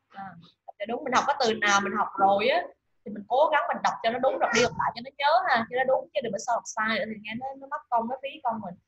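A woman teaching pronunciation, drilling words aloud and repeating each one slowly. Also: on the high side, a bit bright, rough recording. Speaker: English teacher. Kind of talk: pronunciation lesson.

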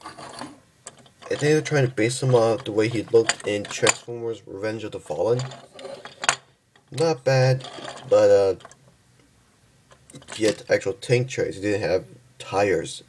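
A young man casually reviewing and transforming a toy figure, halting and stumbling over his words, tired from just waking up. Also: on the low side, a little mellow, a little hiss or hum. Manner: halting, stumbles and restarts often.

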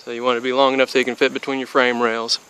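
A young DIY hobbyist in his twenties, a bit spacey from being sick, gives a casual, rambling how-to outdoors by a car and later under a metal-roofed shed. His medium-pitched voice is smooth and flat, racing along. He's full of fillers and restarts.

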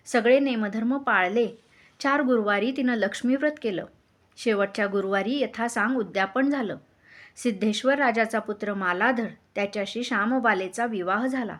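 A woman's voice: medium pitch, fairly bright tone. Woman narrating a folk tale. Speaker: storyteller.

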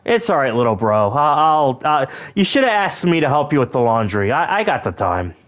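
A man's voice: medium pitch, big pitch swings, normal speed, fairly bright tone, highs cut off. A man streaming a board game, ranting and swearing constantly in mock anger. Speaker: gaming streamer. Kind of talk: profane comic commentary over a game.

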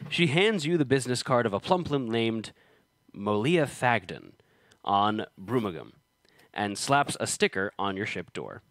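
A man hosting a board game show, reading story text aloud in a playful, expressive way. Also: fairly low pitch, measured pace, no room sound. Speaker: show host.

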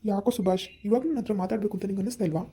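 A woman's voice: mid-range voice, fairly even intonation, racing, mellow, breathy edge, pitched below the performer's own voice. A woman voicing a hurt young man who reproaches his old friend with pointed questions, in an amateur village drama. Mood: reproachful.

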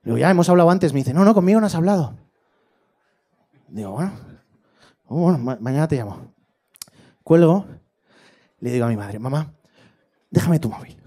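A man performs stand-up, his voice sitting high for a man. He tells his stories with lively swings and bursts into shouted impressions of his relatives, with a club audience laughing behind him. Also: fairly quick, pauses often, slightly rough. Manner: animated storytelling, shifting into shouted impressions of family. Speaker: stand-up comedian. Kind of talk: stand-up comedy set.

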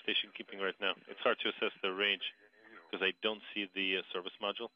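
A man aboard the station speaking in halting, technical radio calls over a muffled transmission. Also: lowish voice, little pitch movement. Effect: muffled space-to-ground radio transmission. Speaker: station crew member. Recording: dull lo-fi radio link.

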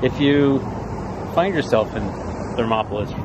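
A man's voice: mid-range voice, expressive, normal speed. A man in his fifties co-hosting a road trip travel vlog, talking in a laid-back way with lots of fillers, filmed on a handheld camera. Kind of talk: casual chat. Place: car, brewery and outdoors on a road trip. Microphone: handheld camera at arm's length. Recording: slightly dull, loud road and wind noise.

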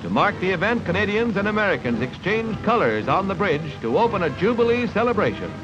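A man's voice: high voice, very animated, a little fast, loud music behind the voice. A man narrating an old newsreel in breezy, jocular announcer patter, on dull 1940s film sound.

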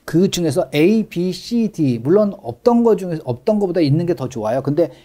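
A man's voice: high-pitched, sing-song, moderate pace, mellow. A middle-aged man, a real estate expert guest, explaining things in an interview with emphatic stress on key words.

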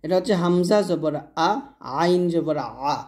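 Male recitation teacher, warm mellow tone, patient drill style with slow stretched examples. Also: sits high, steady tone. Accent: Bangladeshi Bengali. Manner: drills contrasting sounds, stretching words slowly. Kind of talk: instructional lesson on Arabic letter pronunciation.

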